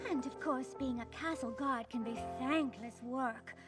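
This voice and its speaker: Over loud music, a woman speaks in a high, unhurried voice as a fashionable young pony detective who also narrates the tale. Her delivery is theatrical and refined, persuasive in mood, and full of gushing about fabrics, a piece of cartoon voice work with narration.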